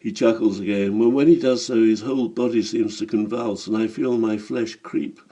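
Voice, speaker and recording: A man narrating a story for an audiobook in a quiet, even reading voice. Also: lowish voice, normal speed.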